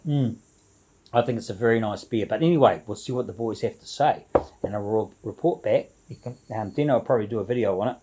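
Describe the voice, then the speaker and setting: A man's voice: fairly low pitch, brisk, dark tone, slight background noise, rough recording. A man chatting casually and ramblingly to camera as a video blogger, with a jovial, informal, slangy way of talking.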